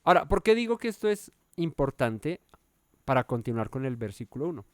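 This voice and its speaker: A man's voice: medium pitch, very animated, brisk, no room sound. A man teaching a verse-by-verse Bible study, thinking aloud with many fillers and self-corrections and often checking in with his listeners.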